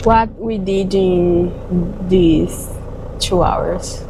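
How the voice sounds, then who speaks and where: A woman's voice: on the low side, steady tone, very slow, noisy background. A woman chatting casually with her husband on a road trip, chiming in with short remarks and light teasing. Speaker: vlogger's wife. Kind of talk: casual chat.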